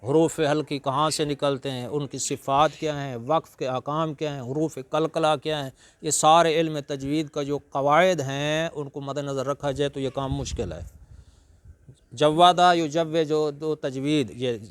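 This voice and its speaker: A man giving a religious lecture, teaching slowly and breaking into drawn-out Arabic recitation. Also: a little high, fairly even intonation, clear, resonant tone, dry recording. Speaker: Quran reciter and preacher.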